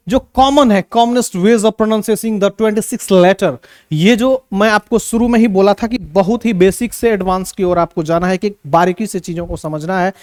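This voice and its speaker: Animated high-voiced male teacher. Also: dry recording, clean studio sound. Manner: animated, repeats points and asks rhetorical questions. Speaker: English teacher. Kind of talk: classroom-style video lesson.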